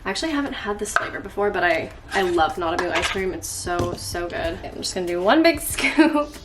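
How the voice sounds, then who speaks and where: A woman's voice: on the low side, lively intonation, brisk, very noisy. A woman in her twenties chatting casually to the camera while baking at home, bubbly and full of "like" fillers. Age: 20s. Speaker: lifestyle vlogger. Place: home kitchen, indoors. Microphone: camera on the counter. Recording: echoey kitchen, faint music.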